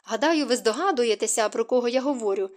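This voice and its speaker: A woman's voice: on the high side, fast talker, darkish tone, lightly acted. A woman voicing an angry, imperious young duke in an audiobook, demanding and sarcastic.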